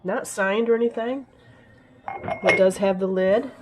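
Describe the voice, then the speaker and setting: A woman with a raspy, hoarse voice from a head cold, chatting casually as she shows off her thrift finds, often pausing to search for words. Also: mid-range voice, noisy background. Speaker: vlogger showing thrift finds. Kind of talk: casual haul show-and-tell.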